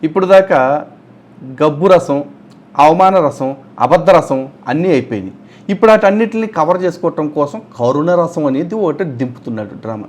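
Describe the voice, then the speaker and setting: A man's voice: fairly high pitch, expressive, normal speed. A man commentating on testimony clips, scornful and mocking, often throwing insults. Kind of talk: angry reaction commentary.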